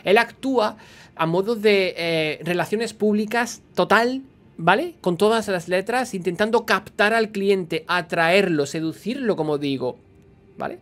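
A man's voice: sits high, a little slow, fairly bright tone, faint music behind. Chatty man explaining game lore. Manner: chatty, explanatory, often says "¿vale?". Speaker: lore channel host. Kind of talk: casual gameplay lore commentary.

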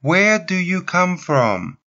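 Super slow lesson reader, each phrase spaced out, muffled noisy audio. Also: medium pitch, very animated. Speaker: lesson narrator. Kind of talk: slow scripted lesson reading. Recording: dull lo-fi audio with clear noise.

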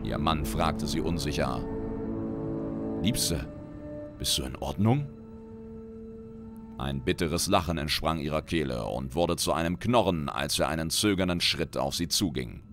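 Deep-voiced male narrator, dramatic measured read, music bed. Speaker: reader and lore commentator. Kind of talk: reading a fantasy short story aloud. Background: background music.

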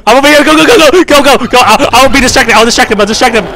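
A man hosting a co-op video game, yelling frantic commentary and repeating himself. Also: extremely high pitch, racing, a loud crowd, heavy background noise. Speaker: gaming host. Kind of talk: excited gameplay commentary.

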